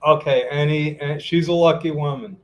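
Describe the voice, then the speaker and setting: A man's voice: a little high, fairly even intonation, normal speed, poor audio. A man hosting a casual live interview, chatty, repeating himself and talking to viewers as folks. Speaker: interview host.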